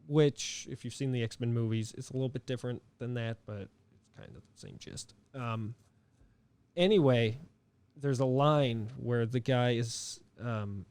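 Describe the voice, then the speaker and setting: A man's voice: medium pitch, animated, a little slow, a little mellow, clear, resonant tone, dry recording. A young man co-hosting a podcast in casual chat, rambling with lots of fillers and restarts. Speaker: podcast co-host.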